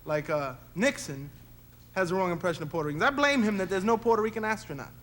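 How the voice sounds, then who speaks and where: A man doing a fast, punchy stand-up comedy set on stage, slipping into funny character voices. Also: high-pitched. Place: comedy stage before a live audience. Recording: 1970s TV broadcast with loud crowd noise.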